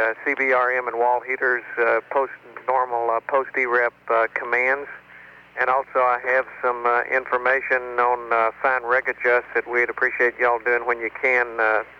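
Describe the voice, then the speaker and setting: A man as a mission control communicator on a space radio link, steady and procedural with many pauses. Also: mid-range voice. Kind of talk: air-to-ground radio exchange. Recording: muffled radio with faint hiss.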